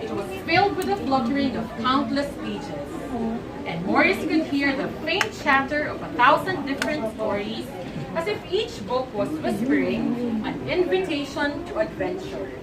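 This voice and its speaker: A woman teacher reading a picture book aloud in an expressive, dramatic way, drawing out words for emphasis. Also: high voice, normal speed. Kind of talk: expressive storytime read-aloud. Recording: roomy, distant mic under loud music and crowd. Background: loud music and crowd noise.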